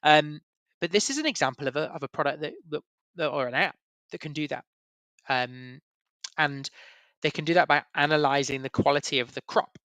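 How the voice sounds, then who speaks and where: Guy giving a webinar talk, bright voice, kinda high, dry close sound. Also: fairly quick, clean tone, no echo. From Yorkshire, England. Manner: chatty, many fillers and restarts. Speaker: webinar presenter. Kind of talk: casual presentation.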